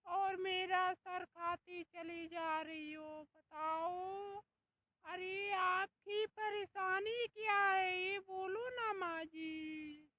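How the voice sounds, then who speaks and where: Whiny, sulky young daughter-in-law, played by a woman, high and slow. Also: pushed and bright, dry recording, full character voice.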